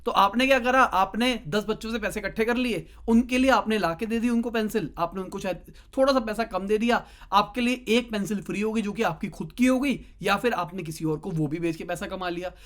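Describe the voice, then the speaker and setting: A man's voice: high-pitched, fairly bright tone. A young man, talking casually and directly to the viewer as he hands out practical money advice. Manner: conversational, addresses viewer directly with quick asides. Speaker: digital marketing YouTuber giving advice.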